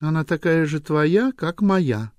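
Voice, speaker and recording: A man reading an audiobook aloud, voicing a sharp-tongued young wife who mocks and provokes her husband. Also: a little high, lively intonation, no room sound, clean studio sound, pitched above the performer's own voice. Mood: bickering. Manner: mocking, provocative, quick to snap. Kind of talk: audiobook character voice.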